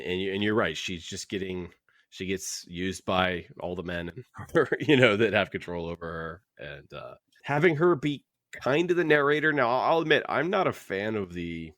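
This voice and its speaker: On a relaxed book podcast, a male co-host thinks out loud, wandering and restarting his sentences. His voice is deep with a fairly bright tone, captured in echo-free studio quality.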